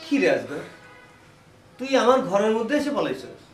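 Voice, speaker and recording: High-pitched belligerent drunk Bangladeshi village father. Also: sing-song, normal speed, faint music behind. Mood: taunting. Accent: rural Bangladeshi. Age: middle-aged. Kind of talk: comic TV drama acting.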